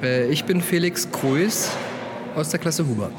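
A man's voice: a little high, measured pace. A young man, an art student, answering interview questions in a casual, hesitant way with many fillers. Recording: loud background noise.

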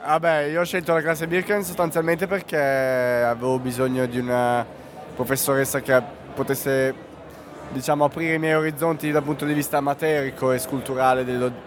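A man's voice: medium pitch, steady tone, a little fast, a crowd in the background. A man from Italy with an Italian accent, an art student answering interview questions thoughtfully and searching for words.

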